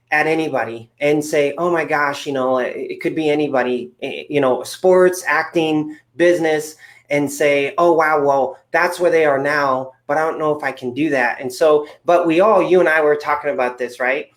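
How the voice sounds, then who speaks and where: Upbeat man hosting a chatty interview. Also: fairly high pitch. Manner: upbeat, rambling with many fillers. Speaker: podcast host. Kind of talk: casual interview chat.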